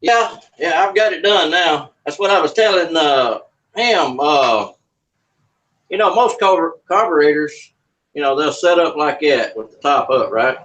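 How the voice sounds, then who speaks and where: A man's voice: a little high, lively intonation, measured pace, a bit bright. A man, hosting a casual livestream and rambling folksily while he works on a carburetor. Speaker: livestream host. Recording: voice from a distance from the mic.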